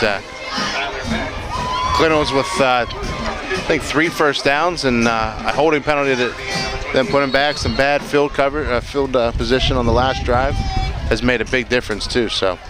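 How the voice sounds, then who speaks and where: Over loud crowd and stadium noise at an outdoor field, an easygoing play-by-play commentator jokes his way through a live high school football game. He fills gaps with plenty of "uh"s and restarts, keeping it relaxed.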